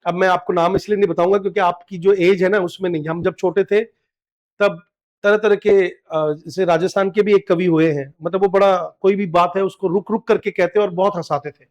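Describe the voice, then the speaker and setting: A middle-aged Indian man giving an exam-prep literature lecture, explaining step by step and reading English quotes slowly. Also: high voice, steady tone, darkish tone, dull audio. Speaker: literature teacher.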